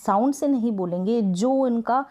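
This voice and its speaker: A woman with a Hindi accent teaching English spelling, explaining slowly and repetitively, asking and answering her own questions. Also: on the high side, dark tone. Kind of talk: classroom-style spelling lesson.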